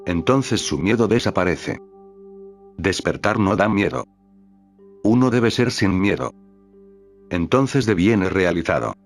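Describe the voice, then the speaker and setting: A man reading a spiritual teacher's talks aloud in a calm, measured way, voicing the questions and stage directions too. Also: fairly low pitch. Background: faint background music.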